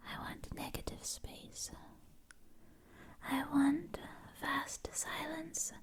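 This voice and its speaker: Woman whispering slowly, right in the ear. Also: sits high, level tone. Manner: slow, gentle delivery with long pauses. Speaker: ASMR content creator. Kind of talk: whispered ASMR poetry reading. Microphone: close mic, ear to ear.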